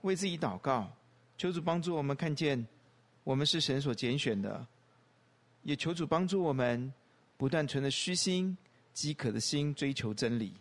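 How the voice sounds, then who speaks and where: Calm male pastor leading prayer. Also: on the high side, moderate pace.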